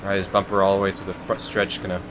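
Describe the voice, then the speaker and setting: A young man hosting a gaming channel, giving casual, chatty gameplay commentary that rambles with fillers and turns excitable. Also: sits low, very fast, noisy background. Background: game music.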